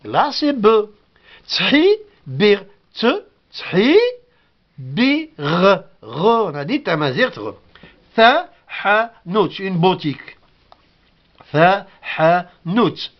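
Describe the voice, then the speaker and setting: Slow, sing-song man teaching word by word. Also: sits high, sing-song, dull audio. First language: Kabyle. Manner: repeats each word slowly, sounding it out. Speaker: language teacher. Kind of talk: patient spoken lesson.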